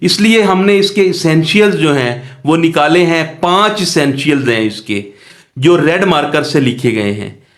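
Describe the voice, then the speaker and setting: A Pakistani-accented man teaches law, asking questions and then answering them himself as he works through examples in a didactic lecture. His voice is on the high side with lively intonation and a measured pace, and the room echoes.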